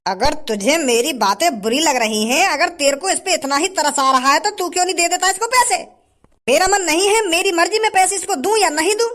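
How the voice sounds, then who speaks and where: A man's voice: very high voice, fairly quick, bright, forceful tone. An actor playing a stingy, rude male shopkeeper who scolds and dismisses a beggar in a comedy sketch. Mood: scolding.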